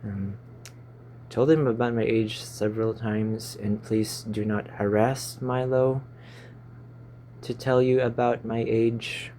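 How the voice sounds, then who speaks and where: This YouTuber from the Philippines, in his 20s, talks casually and haltingly to his channel from a small, stuffy room, recorded on a phone. His low, mellow voice keeps a level tone at a slow pace, with a faint hiss or hum.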